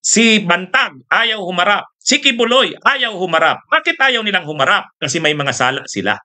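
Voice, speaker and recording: Male host, high and bright, sarcastic rhetorical political chat. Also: animated, moderate pace. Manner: mocking, rhetorical, laughs often, sips coffee. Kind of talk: casual political commentary.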